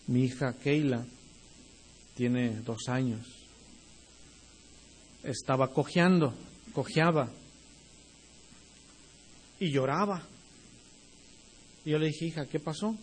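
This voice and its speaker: A man's voice: mid-range voice, slow, pauses often. A young adult male pastor preaching a sermon, speaking directly to the congregation and rising into emphatic bursts.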